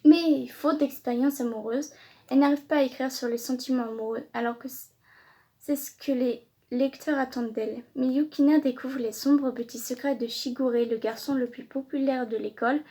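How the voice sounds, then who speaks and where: A woman chatting excitedly on a casual unboxing vlog, often exclaiming and repeating herself. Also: high voice, slightly rough. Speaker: vlogger.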